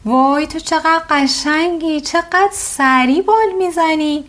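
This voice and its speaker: A woman's voice: high-pitched, fairly bright tone, pitched above the performer's own voice. A woman voicing small, timid pigeon chicks in a children's bedtime story, in a childlike, eager voice.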